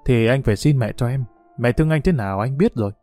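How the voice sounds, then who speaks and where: A man reading the lines of a calm young male village cadre who speaks softly but with a quiet menace. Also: medium pitch, fast, no echo, soft background music, lightly acted. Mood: quiet, controlled. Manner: soft-spoken, controlled.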